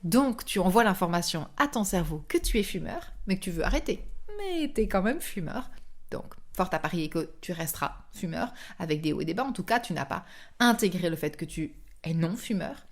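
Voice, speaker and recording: A woman hosting a motivational podcast, speaking directly to the listener in an animated, coaxing way and acting out inner thoughts. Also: lowish voice, moderate pace. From France. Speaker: podcast host and coach.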